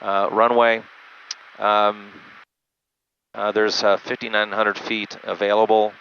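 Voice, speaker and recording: Over the intercom through an aviation headset, a male jet pilot explains procedures in an unscripted walkthrough while flying a small jet. His low, even, creaky voice is patiently methodical and halting, and the cockpit audio sounds dull, muffled, and band-limited amid engine noise.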